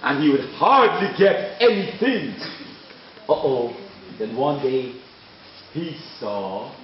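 A man telling a traditional story to schoolchildren, dramatic and expressive, moving between loud and hushed. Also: medium pitch, slow pace, slight background noise. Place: school room. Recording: echoey room from far off, dull.

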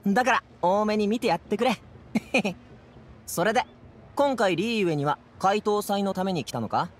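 A lively young man with a high voice (高めの声の快活な若者) speaks at a normal pace in a friendly, casual, breezy way with boyish slang. He voices an upbeat transport guard in Japanese anime game voice acting.

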